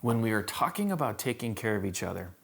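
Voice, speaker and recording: A man's voice: fairly low pitch, sing-song, fast talker, creaky. A man preaching a church sermon in a conversational storytelling way, acting out the dialogue he quotes. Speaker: pastor.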